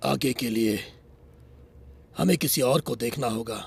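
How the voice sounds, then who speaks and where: Stern official: very gravelly and husky, measured and skeptical. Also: male voice, mid-range voice, a little mellow, full character voice. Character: stern male official questioning revolutionaries. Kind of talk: film dub.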